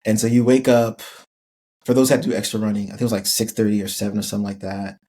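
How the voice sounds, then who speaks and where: Talking fast in a fairly low voice, a middle-aged man who once played college football laughs his way through a relaxed story as a podcast guest. "Like" and other casual fillers pop up constantly.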